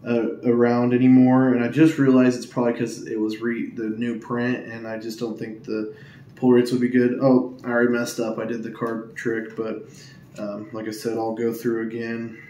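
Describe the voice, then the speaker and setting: A man speaks in a low, hushed monotone as he opens card packs at home, trailing off into ums and uhs. His voice bounces around a reverberant room over a faint hiss of ambient noise. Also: moderate pace. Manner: monotone, hushed tone to avoid waking others; rambling with many ums and uhs. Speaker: Pokemon card opening YouTuber. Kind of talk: casual hushed pack-opening vlog. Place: at home indoors.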